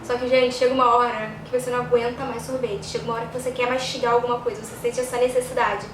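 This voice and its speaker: Woman, Brazilian accent, fairly high voice, casual explanatory vlog chat, distant echoey recording with noticeable noise. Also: level tone, very fast. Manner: conversational, explanatory, with frequent check-in tags. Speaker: vlogger. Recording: echoey, distant mic, clear background noise.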